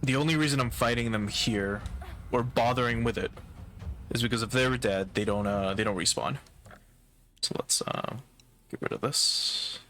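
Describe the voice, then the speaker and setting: A male gaming streamer casually commentates his playthrough of a horror game, walking through puzzle steps with loose fillers and the occasional swear. His medium-pitched voice is pushed and bright at a normal speed, with a little hiss or hum in the audio.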